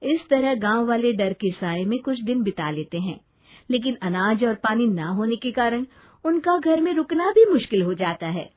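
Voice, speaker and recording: A woman's voice: fairly high pitch, normal speed. A woman narrating a Hindi cartoon story. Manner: lively storytelling.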